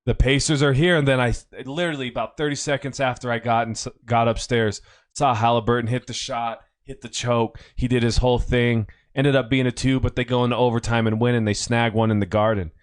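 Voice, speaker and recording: A man hosting a casual sports podcast, his voice a bit strained from yelling, rambling and correcting himself as he talks. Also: medium pitch, steady tone, brisk, dry recording, studio quality. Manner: rambling, self-correcting, conversational. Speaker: podcast host; youth coach.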